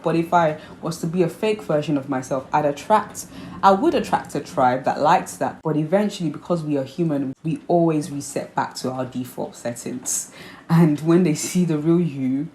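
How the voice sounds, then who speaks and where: A young Nigerian woman hosting a vlog chats earnestly and casually to camera in a hybrid Nigerian accent, making her points by repeating them. Her deep, slightly mellow voice is recorded in an echoey room with faint ambience and slight background noise.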